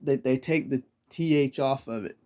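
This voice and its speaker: A man's voice: medium pitch, normal speed, highs cut off. A man from Georgia with a Southern drawl, talking casually to the camera, chatty and rambling, laughing often. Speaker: vlogger. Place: small room indoors, sitting in a rocking chair. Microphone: camera in front of him.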